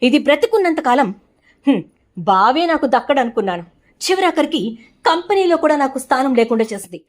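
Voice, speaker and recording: A woman's voice: high voice, sing-song, brisk. A woman doing a scheming young villainess. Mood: defiant. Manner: bitter, possessive, defiant.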